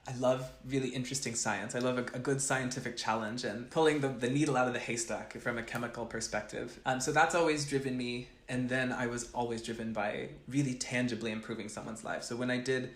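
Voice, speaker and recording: A young man answers interview questions with earnest, thoughtful care, often circling back to restart a sentence. His voice sits at an ordinary middle pitch. The room around him is noticeably echoey. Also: fairly even intonation, brisk, hardly any pauses, fairly bright tone. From grew up between West Africa and the US East Coast. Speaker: chemical engineering professor, guest.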